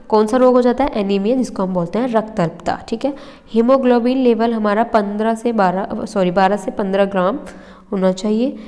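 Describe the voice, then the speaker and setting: A slightly high, a little mellow voice belongs to a young woman leading an exam-prep lesson over handwritten notes. She breaks the material down step by step, checks in with listeners, and coughs slightly at times. The sound is roomy with long reverb.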